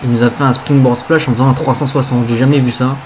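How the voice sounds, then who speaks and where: A man's voice: medium pitch, steady tone, fast talker. A man doing play-by-play wrestling commentary on a video game match, reacting to each move with exclamations. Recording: clear background noise.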